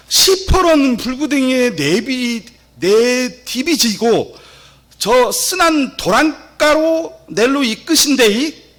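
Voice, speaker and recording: A man putting on a folksy Gyeongsang dialect voice to recite a psalm, loud and emphatic. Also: very high voice, pitched above the performer's own voice, full character voice.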